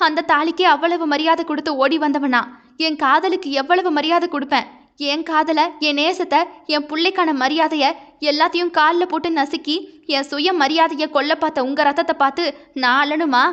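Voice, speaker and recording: A woman's voice: high voice, fairly even intonation, moderate pace, fairly bright tone, lo-fi sound. A woman voicing a grieving young wife, impassioned and pleading through tears. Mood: proud.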